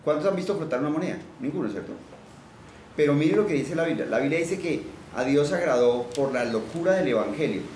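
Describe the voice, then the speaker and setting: A man's voice: a little high, expressive, a little fast, a little mellow. Man preaching in an echoey room. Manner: quizzes listeners and leads call-and-response repetition; reads scripture aloud, then explains it plainly. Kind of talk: interactive sermon teaching. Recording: roomy echo, voice from a distance, faint background noise.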